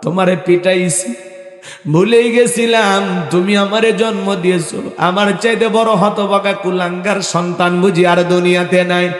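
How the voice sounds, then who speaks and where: Preacher doing a crying sorry son, begging, big hall echo. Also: male voice, sits high, steady tone, normal speed, soft background music, lightly acted. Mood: pleading. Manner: tearful pleading. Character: remorseful young son, weeping and begging. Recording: echoey hall over loudspeakers.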